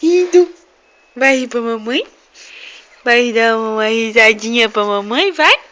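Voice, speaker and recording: A woman's voice: fairly high pitch, animated, slow, a bit bright. A mother, cooing at her baby at home in playful, sing-song questions, recorded on a phone. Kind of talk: baby talk to an infant. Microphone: phone held close.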